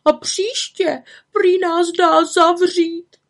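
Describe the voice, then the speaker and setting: A woman voicing a group of tearful old grannies in a storybook reading, speaking in a high, drawn-out, wailing voice. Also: fairly even intonation. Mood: sobbing. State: sobbing.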